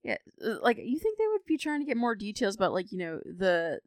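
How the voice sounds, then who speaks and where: A woman at a tabletop game, chatting in a loose, rambling way full of hedges. Her voice is mid-pitched and dry, close to the mic. She sounds relaxed among friends. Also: fairly quick, no echo. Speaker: player. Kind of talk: casual tabletop play.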